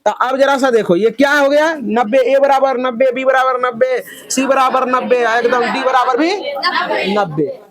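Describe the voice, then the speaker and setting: A middle-aged man teaches math to a room full of children. His voice sits high and carries, and he keeps asking questions so the class answers back in chorus. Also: steady tone, normal speed. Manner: loud call-and-response questioning of pupils. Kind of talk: classroom lecture.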